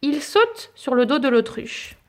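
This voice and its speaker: Woman, higher voice, reading a children's story aloud, lilting, expressive, dramatic pauses.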